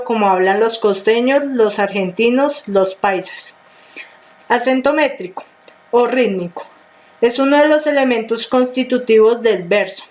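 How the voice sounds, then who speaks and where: A woman reading a grammar lesson aloud, slow and careful, with small restarts. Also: fairly high pitch, rough recording.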